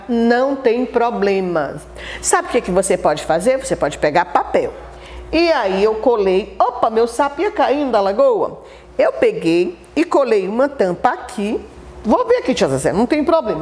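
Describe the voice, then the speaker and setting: A woman teacher with a Brazilian Portuguese accent, giving a children's TV lesson in an animated, sing-song way and talking straight to the children. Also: fairly high pitch.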